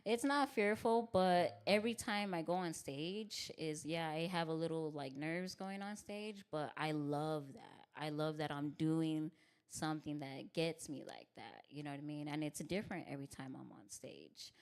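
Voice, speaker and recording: A young adult stand-up comedian from Tucson, Arizona, guests on a podcast and chats candidly in a casual interview. Her deep, bassy voice is smooth at normal speed, and she laughs easily and often uses fillers like "like" and "you know what I mean."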